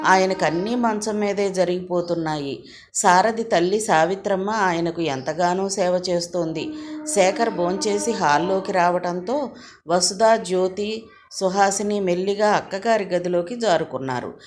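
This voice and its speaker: A woman narrating a novel aloud in a measured, expressive reading. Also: on the low side, soft background music. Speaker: audiobook narrator.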